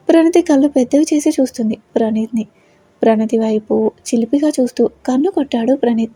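A woman narrating a romance story in a soft, even reading. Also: on the high side, husky, no echo.

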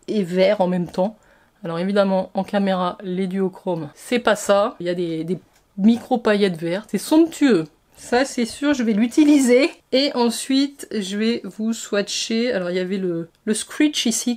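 A woman's voice: mid-range voice, mellow. A woman beauty vlogger chatting enthusiastically through a makeup palette review, with frequent restarts. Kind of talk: casual makeup review to camera.

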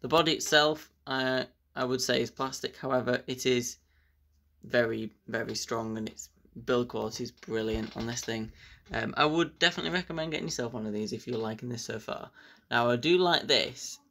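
Gravelly enthusiastic man reviewing. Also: mid-range voice, moderate pace, fairly bright tone. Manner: enthusiastic, rambling with fillers like "bits and bobs". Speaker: model railway reviewer. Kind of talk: casual unboxing review.

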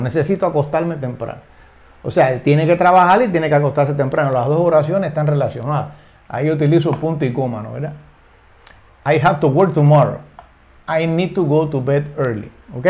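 An older man, a Spanish speaker, teaching an English lesson, slowing down for careful English examples and checking in often with tag questions. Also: on the high side, a little mellow.

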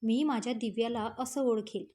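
A pleading, playful newlywed husband, read by a woman storyteller with a mellow voice. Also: fairly high pitch, steady tone, moderate pace, lightly acted.

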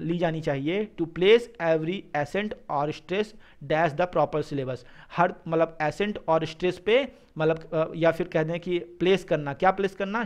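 A male teacher who explains exam answers, reading English sentences slowly and then explaining them quickly. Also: a little high. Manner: mixes English phrases into explanations, repeats "ठीक है".

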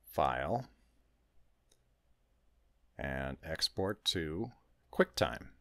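A man narrating a screen-recorded software tutorial, calmly walking through each step. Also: very deep voice, drawn-out words, dry recording. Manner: calm step-by-step instruction. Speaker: tutorial host.

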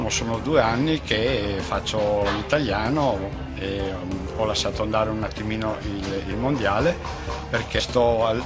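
An older man, a motorsport team manager, talking plainly about his racing team in a casual interview, with fillers and restarts. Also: fairly low pitch. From Italy. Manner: relaxed, plain-spoken, with frequent fillers and restarts. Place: team garage at a race paddock. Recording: loud music behind the voice. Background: loud music.

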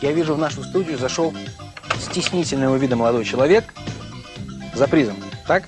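A man in his thirties presenting a TV show and interviewing guests in a jokey, theatrical way, with a husky voice. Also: mid-range voice, brisk, music in the background. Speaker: TV show host. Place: small TV studio.

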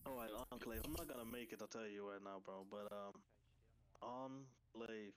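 A man's voice: on the low side, fast. A man from outside the United States answering questions in casual game voice chat, joking and unsure. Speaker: player being questioned. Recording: voice-chat mic with audible noise.

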